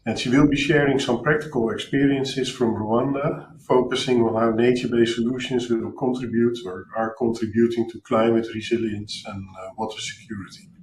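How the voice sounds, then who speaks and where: A man's voice: medium pitch, fairly even intonation, moderate pace, hardly any pauses, a little mellow, roomy sound, slight background noise, low-quality recording. A man with a Dutch accent moderating an online panel, introducing speakers with many hesitations. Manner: hesitant, filler-heavy introductions. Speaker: webinar moderator.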